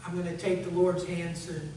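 A man preaching a sermon as pastor, telling a story in a conversational way and closing in soft prayer. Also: high voice, flat delivery, moderate pace. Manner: conversational storytelling, earnest appeal, fading to hushed prayer. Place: church sanctuary. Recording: echoey church hall, far from mic, faint hum.

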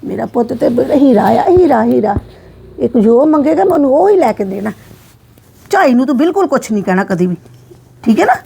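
Gentle middle-aged grandma played by a woman, placating and affectionate, high voice. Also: animated, brisk, gravelly, breathy edge, full character voice. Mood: soothing. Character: soft-hearted middle-aged grandmother, mother-in-law. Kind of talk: scripted family drama.

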